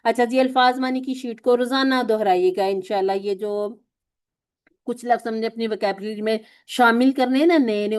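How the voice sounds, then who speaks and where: A woman's voice: mid-range voice, a little mellow. A woman teaching a recorded course lesson, patiently explaining and asking and answering her own questions.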